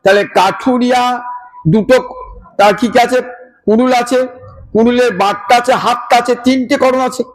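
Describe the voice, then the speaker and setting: A man's voice: very high-pitched, steady tone, moderate pace, pauses often, low-quality recording. A man with a Bengali accent giving a devotional discourse, chanting verses and explaining them with emphatic repetition. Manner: emphatic, repeats phrases. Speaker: Gita preacher.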